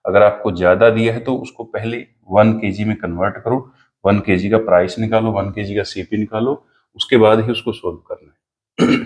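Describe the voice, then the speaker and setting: A man teaching an exam-prep math lesson, explaining each step slowly and dictating a word problem. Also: on the low side, a little mellow.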